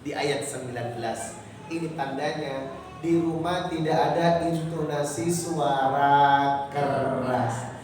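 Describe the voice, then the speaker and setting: A man's voice: a little high, takes it slowly. A man preaching in a mosque, telling stories, reciting verses and putting questions to his audience. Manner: lively storytelling, quotes verses and questions the audience. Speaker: Islamic preacher. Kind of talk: sermon. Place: mosque hall. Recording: echoey mosque hall from far off, noisy.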